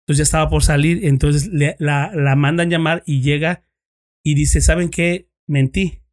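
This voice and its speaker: A Mexican-accented man with a slightly high voice tells a story from his time as a police investigator. He swears freely, drops crude street slang, and plays out both sides of the conversation as he goes. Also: fairly even intonation, normal speed. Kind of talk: casual storytelling among friends.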